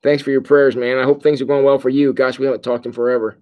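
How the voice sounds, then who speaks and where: A middle-aged man, a pastor, giving a casual livestream update in a sedated, halting, groggy way. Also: medium pitch, flat delivery, highs cut off. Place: hospital room.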